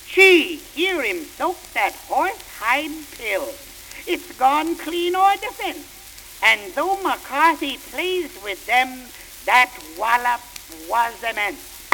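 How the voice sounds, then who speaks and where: A woman reciting a comic poem in the voice of an excitable young male baseball fan, with old-time slangy dialect and shouts at the field. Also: high-pitched, takes it slowly, slight background noise, heavily acted, rough recording. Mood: boastful.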